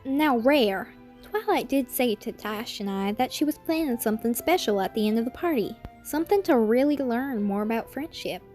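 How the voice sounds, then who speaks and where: A woman voicing a plain-spoken, steady female farm pony in a story, folksy and firm. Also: fairly high pitch, normal speed, soft background music, lightly acted.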